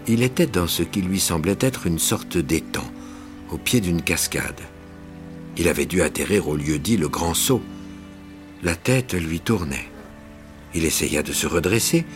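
A man giving theatrical scripted narration of a legend, swelling at tense moments and hushing at calm ones. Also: sits low. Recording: music bed underneath.

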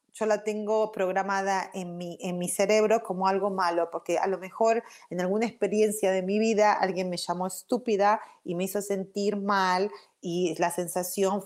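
Woman, fairly low voice, lively motivational talk, English words mixed in. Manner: lively, acts out feelings, mixes in English words. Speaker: spiritual speaker.

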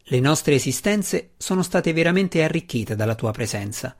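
A man voicing an uneasy, cautious male gnome king who speaks in a slow, measured, placating way. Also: a little high, expressive, gravelly. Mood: gentle.

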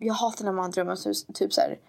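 A woman's voice: mid-range voice, fairly even intonation, creaky. A young woman from Sweden, co-hosting a podcast, chatting casually and switching between Swedish and English with frequent laughs. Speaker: podcast co-host. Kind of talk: casual chat.

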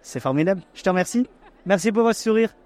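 A man's voice: high-pitched, expressive, quick pace, a little mellow. A man hosting a podcast, chatting and teasing guests in casual interviews at an outdoor wine tasting. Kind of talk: casual vox-pop interview.

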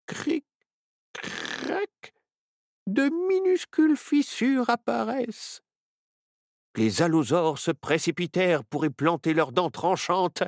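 A man reading a children's adventure story with playful, expressive delivery. His voice is fairly high for a man and swings widely in pitch. The recording is close and dry. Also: no room sound. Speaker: narrator.

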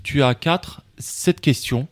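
A man's voice: mid-range voice, slow, dry recording, clean studio sound. A man hosting a casual sports podcast and running a quiz, with a loose, joking delivery and lots of fillers. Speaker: podcast host and quiz master.

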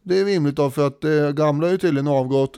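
Male podcast co-host, casual history storyteller, smooth resonant voice, slightly high, dry close sound. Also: dry recording. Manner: animated retelling with frequent fillers.

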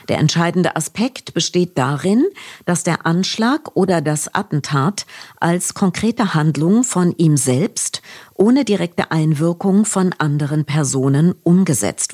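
A woman co-hosting a news podcast, reading a script in a measured, explanatory way. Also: fairly low pitch, darkish tone. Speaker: podcast co-host.

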